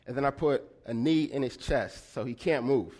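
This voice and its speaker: Sharing a personal story from the pulpit, this preacher moves at a moderate pace with lively, animated storytelling. He keeps checking in with his audience through repeated "right?" prompts, and his voice comes across as slightly nasal and lower than usual.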